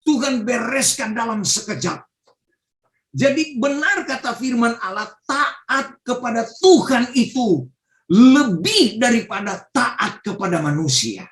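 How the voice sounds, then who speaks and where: Middle-aged pastor guy preaching a testimony over zoom, high voice, fervent, echoey room. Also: animated, slow, a bit bright. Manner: emotional storytelling, fervent exclamations. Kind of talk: testimony sermon. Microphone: video call. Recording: roomy echo over a video call.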